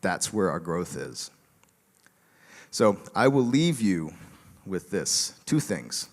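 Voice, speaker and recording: A man giving a relaxed conference talk with a joking tone and many fillers, speaking in a large auditorium. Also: low-pitched, slow pace, big-room sound.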